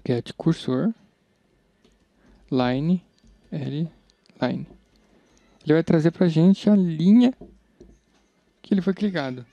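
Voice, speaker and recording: A Brazilian man walks through code in a relaxed, slangy tutorial, thinking aloud as he goes. His voice is very dark and mellow with a gravelly edge, sitting a little high for a man. The sound is dry and dull, like a modest desktop mic. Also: slow, long pauses, dry recording. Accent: Brazilian Portuguese. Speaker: programming instructor. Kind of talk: casual screen-recorded coding tutorial.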